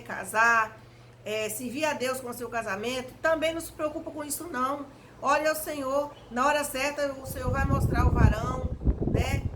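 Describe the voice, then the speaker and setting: A woman giving an earnest devotional talk at home, exhorting listeners directly, with an electric fan blowing right in her face as she speaks. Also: on the high side. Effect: electric fan blowing right in her face while she talks. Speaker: evangelical lay preacher. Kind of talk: home devotional reflection video. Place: hot room at home. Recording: home recording with loud fan noise. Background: steady whir of a fan.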